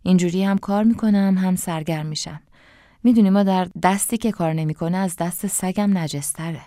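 A woman's voice: fairly low pitch, warm tone, dry recording, clean studio sound, voice pushed up, lightly acted. A woman voicing a timid widowed young mother who talks hesitantly and pleads her case. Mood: earnest.

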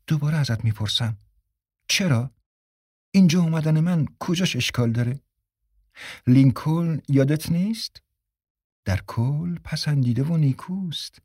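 Stubborn young wife read by a male narrator: raised pitch, insistent, dry audiobook read. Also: pauses often, darkish tone, no room sound, close to an everyday voice. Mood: defiant. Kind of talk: audiobook character reading.

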